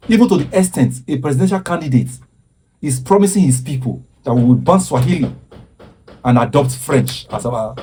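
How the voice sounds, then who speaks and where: A man delivers impassioned social commentary with earnest, preaching conviction, lecturing like a commentator making a case and often stopping to repeat words. His mid-range voice sounds dark and mellow with a husky edge. The audio quality is poor.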